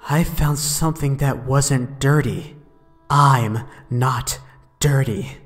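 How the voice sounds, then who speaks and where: A man voicing a creepy, withdrawn little girl who speaks quietly and secretively in a horror story reading. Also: mid-range voice, takes it slowly, long reverb tail, soft background music, close to an everyday voice. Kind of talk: scripted horror narration.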